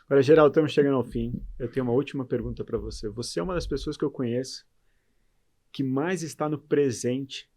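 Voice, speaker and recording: A man's voice: medium pitch, fast, darkish tone. A man hosting an interview podcast, agreeing often and asking questions in a casual chat. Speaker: podcast host.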